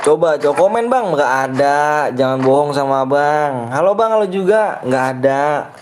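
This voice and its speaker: A man's voice: a little high, lively intonation, normal speed, a little mellow. A young man, hosting a live game stream in casual chat. He argues with viewers and teases them, often breaking into laughter. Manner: argumentative and teasing, often laughing.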